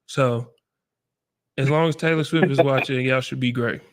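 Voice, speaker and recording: A middle-aged man hosting a casual livestream chat, talking in a relaxed, encouraging, folksy way. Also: medium pitch, normal speed. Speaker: livestream host.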